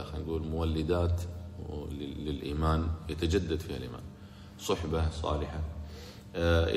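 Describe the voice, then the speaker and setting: A man giving a religious lesson on Quran commentary, speaking in a measured, hesitant way with drawn-out fillers and breaking into rhythmic recitation of verses. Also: extremely low pitch. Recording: echoey hall with faint hum.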